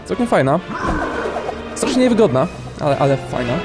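This let's play host commentates on his own video game playthrough, tossing out joking, sarcastic asides as he goes. His fairly high voice has a sing-song lilt at a normal speed, with game music playing behind him.

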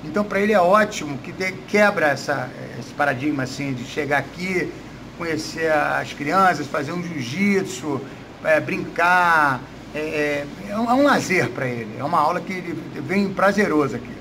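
A man's voice: on the high side, normal speed. A Brazilian man in his fifties, a coach giving casual interview answers in a gym with noise behind him. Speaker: jiu-jitsu coach. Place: indoors, gym room. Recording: noticeable background noise.

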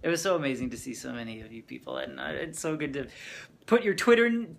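A man talking excitedly and jokily into a handheld camera for his travel vlog. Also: medium pitch, quick pace. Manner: excitable, chatty, jokey. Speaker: vlogger. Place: busy convention and city streets. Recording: crowd chatter and background noise.

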